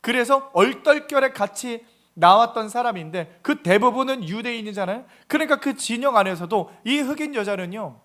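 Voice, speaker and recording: Male pastor, emphatic sermon delivery full of rhetorical questions, strikingly high voice. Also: a bit bright. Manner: emphatic, asks the congregation repeated rhetorical questions.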